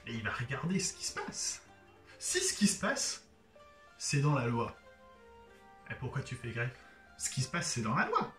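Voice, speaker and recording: A man's voice: a little high, fairly bright tone, echoey room, far from the mic. A man from France explaining things in a slangy, joking vlog with lots of fillers. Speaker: YouTuber explaining Korean society.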